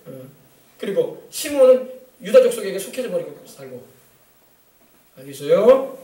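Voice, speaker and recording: A man's voice: sits high, big pitch swings, moderate pace, warm tone. A man preaching a sermon as pastor, emphatic and colloquial, tossing rhetorical questions to the congregation. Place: church sanctuary. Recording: echoey church from far off.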